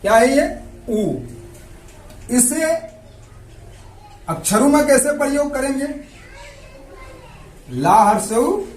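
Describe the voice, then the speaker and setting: A man's voice: very high voice, animated, slow, pauses often, reverberant, a little hiss or hum. A man teaching a lesson, patiently repeating and spelling out sounds. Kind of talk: slow explanatory lesson.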